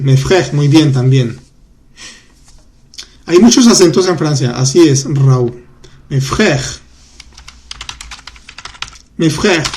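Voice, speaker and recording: A man with a somewhat raised voice runs a live online lesson. He chats with his viewers and answers them, then slows right down to repeat and spell out words. He sounds patient and easygoing as he explains the grammar. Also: a little high, a little mellow. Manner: chatty, reads out student comments, repeats words slowly. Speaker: French teacher.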